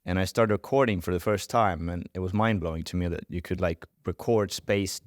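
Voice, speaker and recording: This is a man, talking as a podcast guest. His voice sits very low, and the recording is dry and close. He talks in a relaxed, rambling way with a playful edge. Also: fairly quick, no echo. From Estonia. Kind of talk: casual interview chat.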